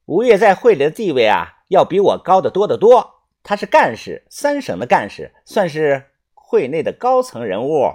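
A narrator voicing a tense, guarded young woman in an audiobook, brisk and quick to alarm. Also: sits low, huge pitch swings, a little mellow, exaggerated voice. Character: Ah Chun, a tense young woman, sister-like protector. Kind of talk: audiobook character voice.

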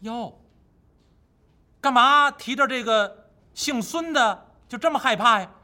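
A man voicing a sly, mocking male monkey king in a traditional storytelling performance, teasing and barking sharp shouts. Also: very high voice, slow pace, exaggerated voice.

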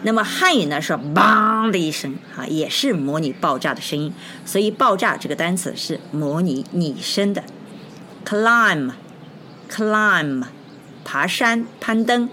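A woman teaching an English phonics lesson, speaking slowly and deliberately, spelling out letters and repeating each word. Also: lowish voice, animated, fairly bright tone, a little hiss or hum.

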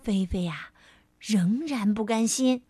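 A woman storyteller reading a children's storybook aloud in a gentle, expressive way. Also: medium pitch, takes it slowly, breathy edge, dry recording, studio quality. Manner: gentle, expressive, lingering on phrases.

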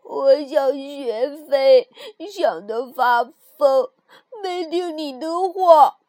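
An impulsive young male frog from a children's storybook, as a woman puts him on. He speaks loudly and excitably, and his high voice swings up and down. The recording is dry and close to the mic. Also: slow, no echo. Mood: tearful. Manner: loud, excitable outbursts. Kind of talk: storybook character voice.

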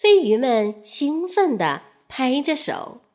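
Slow, expressive woman reading a children's story. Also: high-pitched.

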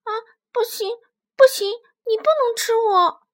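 A woman voicing a timid, tearful baby spinosaurus in a children's storybook, squeaky and pleading. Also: expressive, measured pace. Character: crybaby little baby spinosaurus, timid and sweet.

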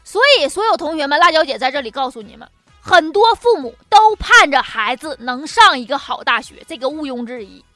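A high-voiced woman with a Northeastern Chinese accent delivers a comic monologue. Her intonation swings widely, and she talks in a folksy, chatty way as a show host. Music plays behind her. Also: big pitch swings, fairly quick, pushed and bright, no room sound. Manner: chatty, folksy, often chuckling. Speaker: comedy talk show host. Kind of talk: comic monologue with jokes and anecdotes.

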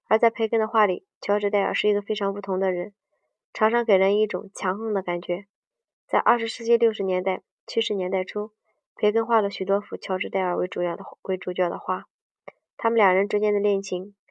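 A woman's voice: medium pitch, no room sound. A woman reading a book aloud, often stumbling, restarting and correcting herself mid-sentence. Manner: hesitant reading with frequent restarts and self-corrections. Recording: dull distant dry sound.

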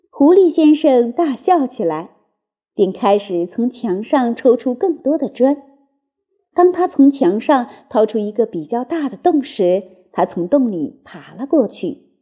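A woman reading a children's story aloud in a lively, expressive way. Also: high voice, breathy edge.

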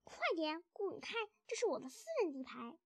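A woman voicing a small, bossy, drunken male rat who screeches and rattles off his lines fast in a storybook reading. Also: high voice, big pitch swings. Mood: shrieking. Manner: screeching, rapid, territorial.

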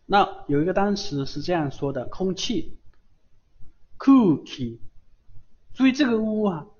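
Patient male language teacher, slow and a touch high, dull lo-fi stream audio. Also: very animated, a little mellow, a little hiss or hum. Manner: patient, repeats syllables many times. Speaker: Japanese teacher. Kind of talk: live online language lesson.

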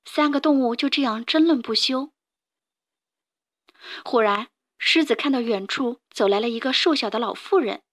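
A woman reading a children's story aloud with lively, expressive narration. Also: a little high, moderate pace.

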